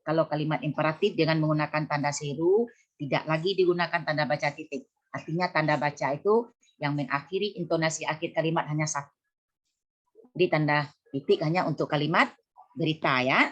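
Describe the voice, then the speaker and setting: A woman lecturer teaching a class, correcting students and spelling out letters one by one while repeating the key rules. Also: deep voice. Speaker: university lecturer.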